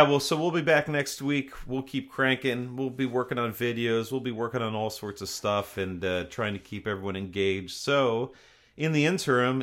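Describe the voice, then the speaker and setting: A man's voice: on the low side, a bit bright. A man hosting a podcast in casual chat, with a joking, conversational and somewhat hesitant delivery. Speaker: podcast host.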